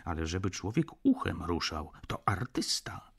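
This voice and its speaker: A scornful lawyer, voiced by a man reading an audiobook, murmuring low asides. His voice is husky and half-whispered, dipping and rising as he mocks. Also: big pitch swings, moderate pace, full character voice.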